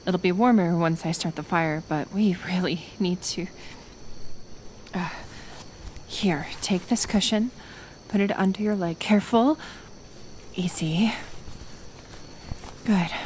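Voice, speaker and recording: In an intimate ASMR roleplay, a woman plays a kind but stubborn healer, speaking gently, haltingly, and soothingly, often slipping into whispers. Her medium-pitched voice is close to her everyday one, with a little hiss or hum in the audio, and the mood is gentle and reassuring.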